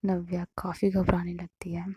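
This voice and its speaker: A woman telling a story in a casual, conversational and hushed way. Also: fairly low pitch, monotone, moderate pace, slightly rough, no echo.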